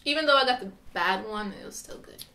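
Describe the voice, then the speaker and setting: A woman's voice: mid-range voice, fast talker, sharp tone, a little hiss or hum. A woman in her twenties talking casually and expressively, with giggles, as she eats gross jelly beans at home. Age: 20s. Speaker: vlog challenge participant. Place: bright indoor room at home.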